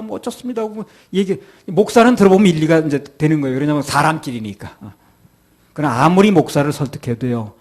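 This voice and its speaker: A man's voice: mid-range voice, darkish tone. A male pastor giving a sermon, acting out people's excuses in quoted voices.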